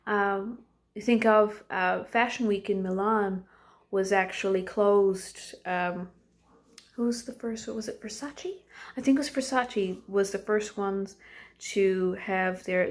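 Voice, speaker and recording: In a steady, mid-range voice, a woman teaches an informal lesson she's recording at home. She keeps it conversational, asks the students questions, and hesitates often with "um" and "uh."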